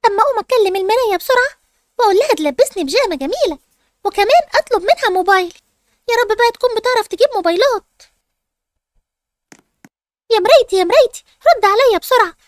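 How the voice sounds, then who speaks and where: Woman doing an eager little girl, super high and fast, egyptian accent, dry sound. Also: no room sound. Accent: Egyptian Arabic. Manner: quick, pleading, excited. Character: young girl Hoor, eager, secretive, pleading.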